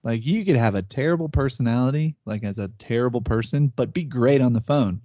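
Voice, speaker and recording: Male podcast co-host, thirties, warm low-key tone, dry sound, animated storyteller. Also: fairly quick, dry recording, muffled recording. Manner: animated storytelling, laughs often, acts out quotes. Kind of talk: casual chat. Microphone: remote call setup.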